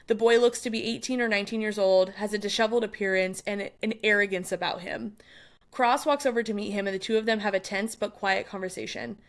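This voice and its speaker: A young adult woman co-hosting a book club podcast, recapping chapters in an animated, casual way with frequent laughs and quick asides. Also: mid-range voice.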